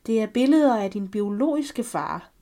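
A woman reading the lines of a widowed older mother who gently and solemnly confesses a family secret. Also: fairly high pitch, animated, close to an everyday voice. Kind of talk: reading a story aloud.

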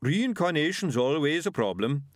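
A man voicing a huge, polite male yeti who speaks slowly and understated. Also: fairly high pitch, sing-song, no echo, studio quality, voice pushed up. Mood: mild.

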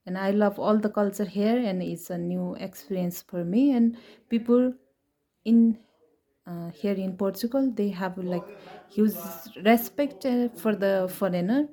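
A woman's voice: mid-range voice, measured pace, mellow. A woman in her twenties from Nepal, an English speaker, answering interview questions hesitantly with many fillers and restarts. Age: 20s. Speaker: interview guest. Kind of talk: casual interview.

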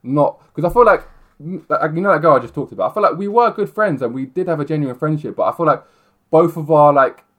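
A man's voice: a little high, animated, fast talker, narrow, tinny audio. A man in his twenties with a London roadman accent, chatting casually in heavy slang and often rambling and cutting himself off. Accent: London roadman, multicultural London slang. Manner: slangy, rambling, self-interrupting. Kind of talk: casual chat.

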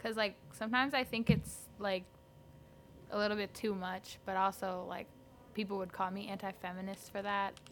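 A young woman co-hosting a podcast, chatting in an animated way with lots of "like" fillers. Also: medium pitch, normal speed, slight background noise. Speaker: podcast co-host. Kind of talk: casual chat.

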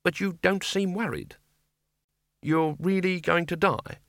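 A man's voice: high-pitched, steady tone, a little slow, fairly bright tone, no echo, studio quality, voice pushed up. A man voicing an old, fawning male servant who talks nervously, pleading and stammering in an audiobook reading. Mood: anxious.

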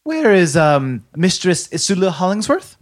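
Man putting on a high-pitched fussy female official. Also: sing-song, normal speed. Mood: officious, inquiring. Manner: hesitant, officious, polite. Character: fussy, polite female city official with clipboard.

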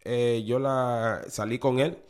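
A man's voice: medium pitch, fairly even intonation, slow pace, smooth. A man giving an earnest, confessional podcast testimony, often repeating his phrases. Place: New Orleans.

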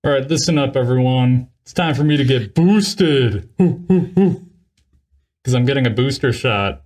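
A man's voice: medium pitch, lively intonation, slow, a little mellow. Laid-back joking man hosting a podcast. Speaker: podcast host. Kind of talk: casual chat.

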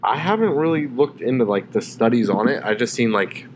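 A man's voice: mid-range voice, lively intonation, fairly quick, a little hiss or hum. A man hosting a podcast, chatting casually and rambling with lots of likes and restarts. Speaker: podcast host.

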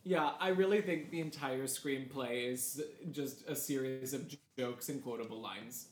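A man co-hosting a casual podcast chat, animated and chatty, laughing often. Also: mid-range voice, moderate pace, reverberant, a little hiss or hum. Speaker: podcast co-host. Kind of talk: casual chat about a film.

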